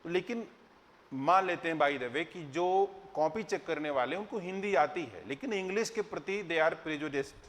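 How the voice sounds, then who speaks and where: A middle-aged man lectures exam candidates on literature and grammar. His voice sits a bit high, and he keeps asking rhetorical questions and reciting verse. The sound rings with a long hall reverb. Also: a little slow, fairly bright tone. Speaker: teacher.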